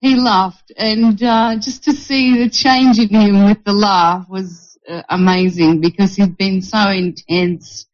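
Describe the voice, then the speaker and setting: A woman's voice: mid-range voice, steady tone, slow pace, hardly any pauses. A woman in a group meeting telling a personal story in a candid way, with laughter along the way, on a muffled recording. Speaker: group participant.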